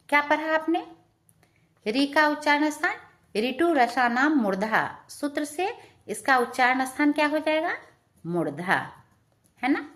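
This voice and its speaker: Slow, high-voiced woman teaching. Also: fairly bright tone. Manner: patient, repeats questions and answers, often asks "है ना". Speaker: Sanskrit grammar teacher. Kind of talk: classroom lesson explaining to students.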